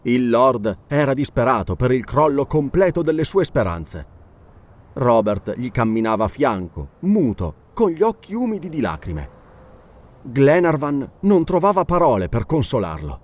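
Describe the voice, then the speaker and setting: A man narrating a novel aloud in a measured, expressive storytelling manner. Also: medium pitch. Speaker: audiobook narrator.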